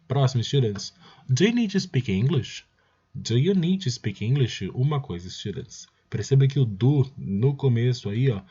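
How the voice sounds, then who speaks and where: A Brazilian man gives an English lesson in a slow, low, slightly husky voice. He repeats each phrase several times and keeps calling on his students. The recording sounds dull and lo-fi. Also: warm tone. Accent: Brazilian Portuguese. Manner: drills phrases by repeating them, often addresses "students". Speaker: English teacher.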